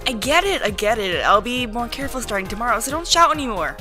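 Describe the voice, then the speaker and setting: A woman's voice: fairly high pitch, big pitch swings, fast talker, over music. A woman voicing an easygoing, careless and apologetic man in his early twenties in an amateur visual novel voice-over. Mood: exasperated. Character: twenty-three-year-old grandson, careless, apologetic, easygoing.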